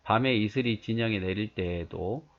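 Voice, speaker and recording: A man's voice: lowish voice, moderate pace, phone-quality sound. A man pastor preaching a conversational sermon, reading scripture and asking his listeners rhetorical questions.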